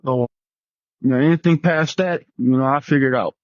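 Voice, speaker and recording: A man's voice: mid-range voice, brisk, no room sound, dull audio. A man on a relationship panel, talking casually and rambling, often repeating himself. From New Jersey.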